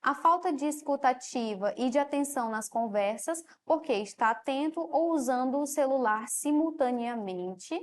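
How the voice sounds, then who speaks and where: A woman's voice: sits high, animated, normal speed, hardly any pauses. Brazilian woman teaching a lesson. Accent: Brazilian Portuguese. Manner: explanatory, often ends phrases with a quieter "ok?". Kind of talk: televised classroom lesson. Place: studio.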